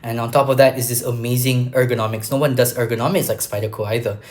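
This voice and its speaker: A man with a cough hosting a casual knife vlog, halting with many fillers and clearing his throat often. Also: mid-range voice, fairly even intonation. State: has a cough, throat a bit rough. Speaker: knife-collection vlog host. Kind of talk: casual product show-and-tell.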